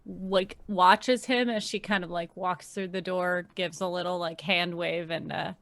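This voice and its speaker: A woman's voice: on the low side, steady tone, measured pace, a bit bright, no echo. A woman casually describing her character's actions as a tabletop game player, hesitantly searching for words.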